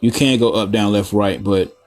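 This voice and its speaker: A man's voice: fairly low pitch, fairly even intonation, normal speed, soft background music. A man hosting a casual coloring tutorial, rambling through profane, joking asides while he works. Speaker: art tutorial host.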